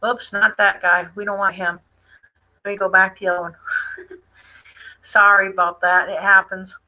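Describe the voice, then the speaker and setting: A woman's voice: mid-range voice, little pitch movement, normal speed, sharp tone, low-quality recording. A woman hosting a casual live stream, chatty and defiant, with many fillers as she comments on a news clip. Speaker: online show host.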